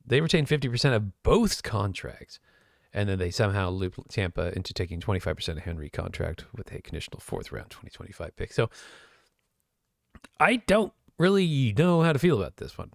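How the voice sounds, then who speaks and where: Gravelly-voiced man in hockey banter. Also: fairly low pitch, very animated, brisk, no echo, studio quality. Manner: joking, laughs often, swears casually. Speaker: podcast co-host.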